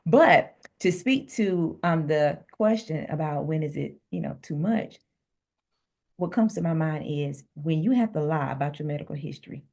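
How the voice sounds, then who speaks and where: Her low voice, normal speed, and vocal fry mark this podcast co-host, a registered nurse, as she chats casually. She's frank, tells stories in an animated way, and affirms the listener.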